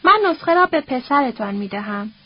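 A woman voicing a quiet, reserved young man who speaks in a calm, restrained way. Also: high-pitched, dull audio, a little hiss or hum.

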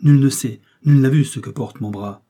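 Audiobook: male reader doing a dignified beautiful young woman, calm and firm, husky undertone. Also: medium pitch, moderate pace, close to an everyday voice. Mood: proud. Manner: composed, dignified. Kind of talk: audiobook character reading.

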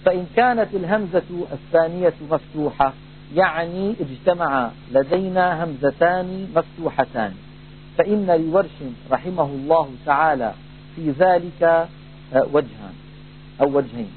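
A man teaching a Quran recitation lesson, explaining rules in a measured way and slowly drawing out recited examples. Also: fairly high pitch. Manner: measured, drawn-out demonstrations of recited words. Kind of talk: tajwid lesson with demonstrated recitation. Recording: tinny phone-like band, faint hum.

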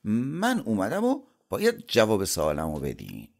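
A man voicing a menacing male demon who shouts his demands in a booming voice. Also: wildly swooping pitch, creaky, full character voice. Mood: demanding.

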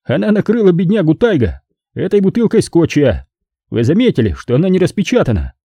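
A harsh, nervous man who needles the room with sarcasm, as a male audiobook narrator acts him out. The voice sits raised and tight, husky and dry. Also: a little high, wildly swooping pitch, brisk, mellow, dry recording, voice pushed up, heavily acted. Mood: sneering. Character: rude, nervous, sarcastic man in silk pajamas.

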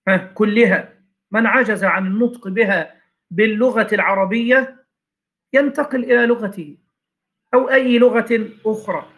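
Guy teaching fiqh, highish voice, reads a line then explains it w/ questions n examples. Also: a bit bright. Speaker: teacher of Shafi'i jurisprudence. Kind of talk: classroom lecture explaining a legal text.

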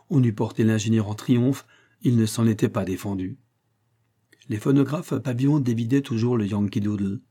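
A man reading a novel aloud in dramatic audiobook narration, with expressive rises and falls. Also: fairly low pitch, slightly rough.

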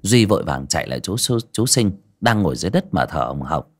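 A man narrating a story audiobook in an expressive storytelling manner. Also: sits low, fast talker, husky.

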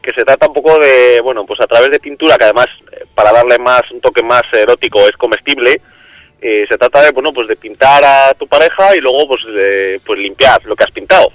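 Caller on a phone line. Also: male voice, medium pitch, a little fast, dry recording. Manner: hesitant, many restarts and fillers. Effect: heard over a phone line. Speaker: radio call-in listener. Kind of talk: casual call-in chat.

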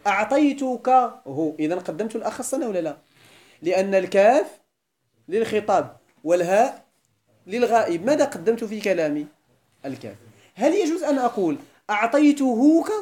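A man's voice: sits high, darkish tone. A man with a Moroccan accent lecturing on Arabic grammar, switching between classical Arabic and Moroccan dialect and often checking that his students follow. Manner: keeps checking the class understands. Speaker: Islamic scholar teaching Arabic grammar.

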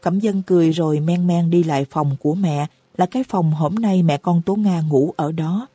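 A woman narrating a novel as an audiobook, reading slowly and evenly. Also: fairly low pitch, breathy edge, dry recording. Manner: reads slowly and evenly, raising her voice for characters' cries. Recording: dry close recording with soft music behind.

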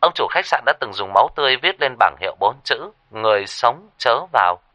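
A man's voice: medium pitch, expressive, fairly quick, bright, forceful tone, no echo, pitched above the performer's own voice. A man voicing the announcing system voice of a game world inside a spoken story, formal and emphatic.

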